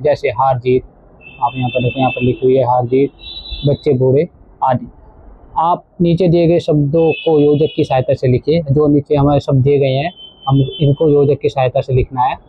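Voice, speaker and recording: A male teacher explaining a textbook lesson to children, slowly repeating words for emphasis. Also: a little high, breathy edge, no room sound. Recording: tinny phone-like audio.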